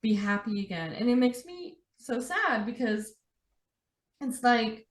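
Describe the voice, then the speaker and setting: A young adult woman hosting a podcast in a relaxed conversation, talking chattily and saying "like" a lot. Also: fairly high pitch, measured pace. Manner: chatty, says "like" often. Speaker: podcast host. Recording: roomy echo.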